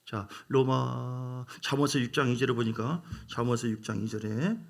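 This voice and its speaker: A male pastor preaching a sermon, swinging from loud emphatic rises to quiet, hushed asides. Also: medium pitch, moderate pace, creaky.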